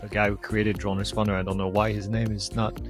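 A man co-hosting a podcast, talking in a relaxed, chatty way. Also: lowish voice, fairly quick, music in the background. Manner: relaxed and chatty, with some stumbles. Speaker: podcast co-host. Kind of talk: casual podcast chat.

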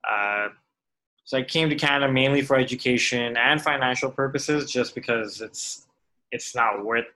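A man in his late twenties who grew up in Tanzania answers interview questions on a podcast. His voice is bright and forward, and he speaks in a relaxed way, pausing on "uh" often. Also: mid-range voice, rough recording. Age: late 20s. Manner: relaxed, with frequent "uh" hesitations. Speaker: podcast guest. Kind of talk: casual interview.

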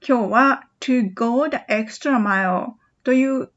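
A woman hosting a podcast English lesson, patiently repeating phrases slowly for practice. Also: fairly high pitch, dull audio. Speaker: English teacher.

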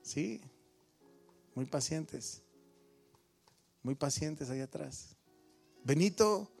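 A middle-aged pastor with a Mexican Spanish accent preaches to his church in a fairly high, measured voice with vocal fry and a little mellowness. He fires questions at the congregation and teases listeners by name while soft music plays behind him.

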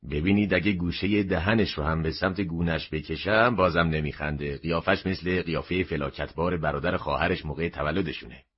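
A man's voice: sits low, few pauses, slightly rough. A man voicing a gloomy, curt shopkeeper who grumbles at customers in an audio story. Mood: flat. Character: gruff gloomy male shopkeeper, dry and curt. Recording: dull lo-fi recording.

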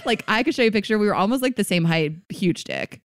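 A woman's voice: medium pitch, quick pace, no room sound. A woman in her thirties from the United States, a podcast host chatting casually and acting out the people in her stories. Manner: animated storyteller, acts out quoted voices. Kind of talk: casual chat.

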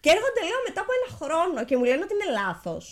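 A woman co-hosts a laid-back podcast with a high voice that swings up and down freely. She talks candidly, swears without a second thought and laughs easily. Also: wildly swooping pitch. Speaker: podcast co-host. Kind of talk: casual chat. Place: home.

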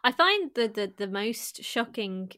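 A woman's voice: on the high side, big pitch swings, measured pace, bright, forceful tone, no room sound. Casual woman co-host, dry close recording. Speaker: film podcast co-host. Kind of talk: casual film chat.

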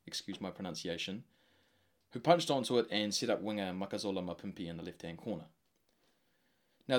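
Low-voiced man podcasting. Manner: informal, slangy. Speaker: sports podcast host. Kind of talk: solo rugby recap podcast, semi-scripted commentary.

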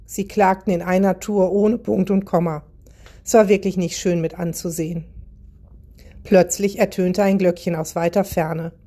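A woman narrating a children's Christmas story in a calm, even reading style. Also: on the low side, moderate pace.

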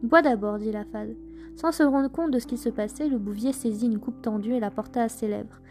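A woman narrating traditional folk tales in a measured, gentle storytelling manner. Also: a little high, soft background music. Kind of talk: scripted folk tale narration.

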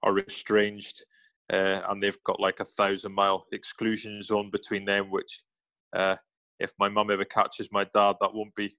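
Man, 40s, Highland Scottish accent, lowish pitch, informal and self-deprecating, chatty, slightly dull recording. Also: completely flat delivery, moderate pace, sharp tone, dry recording. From Highlands of Scotland, near Inverness. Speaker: podcast guest, military veteran. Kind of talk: casual chat, personal storytelling.

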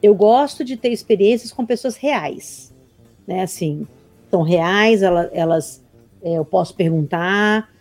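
A woman's voice: mid-range voice, measured pace, a little mellow, no room sound, faint music behind. A woman in casual conversation, telling stories animatedly and acting out both sides of the dialogue. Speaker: mentor sharing her experience.

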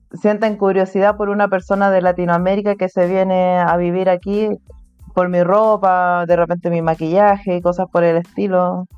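A Chilean woman, an artist living abroad, speaks in a Chilean Spanish accent during a remote interview, keeping things casual and chatty and laughing between points. Her voice is lowish and smooth. The recording is dry, with the highs cut off.

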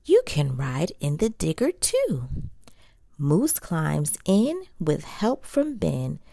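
A woman reading a picture book aloud to young children in an expressive, playful storytelling manner. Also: sits low, slow, creaky, no echo, studio quality. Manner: expressive, playful sound words. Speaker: storybook reader.

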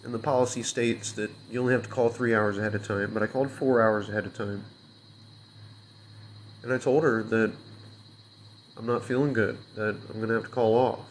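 A young man talks in a fairly low voice, rambling and frustrated, sprinkling his rant with curses and fillers. He sounds worn out and queasy, like the morning after. A faint background hum sits under the recording. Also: steady tone, fairly quick, long pauses. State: hungover and unwell. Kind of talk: casual rant to camera.

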